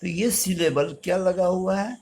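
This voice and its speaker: A male teacher with an Indian English accent, explaining grammar slowly and answering his own questions. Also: high-pitched, darkish tone, slightly rough. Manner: slow, explanatory, asks questions and answers them himself. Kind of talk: recorded grammar lesson.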